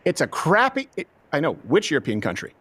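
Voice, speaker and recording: A man's voice: a little high, huge pitch swings, a little fast, fairly bright tone, breathy edge, dry recording. A man hosting a casual political talk show, sarcastic and mocking, laughing at his own jabs. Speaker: host.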